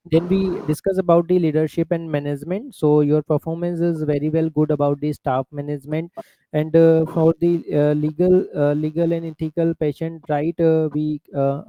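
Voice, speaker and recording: Very mellow Indian man giving halting feedback. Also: fairly high pitch, no room sound, poor audio. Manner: halting, instructive. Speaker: mock interviewer and coach. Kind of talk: spoken interview feedback.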